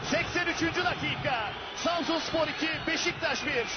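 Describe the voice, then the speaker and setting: A man giving live football commentary, excited and shouting out the action. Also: extremely high pitch, moderate pace. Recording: noisy, muffled old broadcast.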